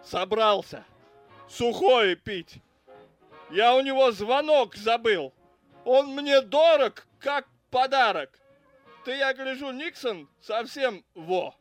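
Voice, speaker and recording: A man's voice: extremely high pitch, slow, no room sound, faint music behind. A man reading the part of a foul-mouthed, grudging police officer who rants and curses about his stingy in-laws. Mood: angry. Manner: crude, ranting, cursing. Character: foul-mouthed grudging adult male cop. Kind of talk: audiobook character reading.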